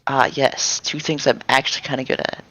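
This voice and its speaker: A man's voice: medium pitch, little pitch movement, a little fast, fairly bright tone, no echo, low-quality recording. A man playing a tabletop role-playing game, casually explaining what his character does.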